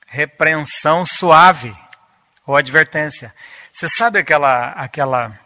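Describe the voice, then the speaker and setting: A man preaching a Bible-teaching sermon, deliberate and repeating key words for emphasis. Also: on the high side, bright, forceful tone.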